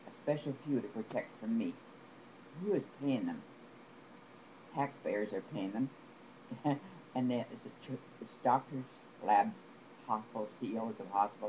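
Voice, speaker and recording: A man's voice: on the low side, mellow, dull audio. Aggrieved man rambling over a noisy recording. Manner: rambling, aggrieved, with halting restarts. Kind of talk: personal complaint to camera.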